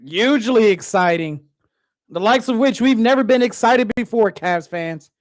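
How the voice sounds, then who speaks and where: A fan host calling a basketball game live, with profane, exasperated rants that burst into shouting and dry sarcastic asides. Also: medium pitch, lively intonation, moderate pace. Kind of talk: live game reaction and play-by-play commentary. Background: faint background music.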